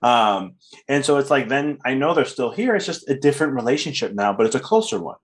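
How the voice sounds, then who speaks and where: A male podcast host and coach chats in a calm, upbeat way, with loose ums and casual phrasing. His voice sits at a middle pitch. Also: fairly quick. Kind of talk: casual interview chat.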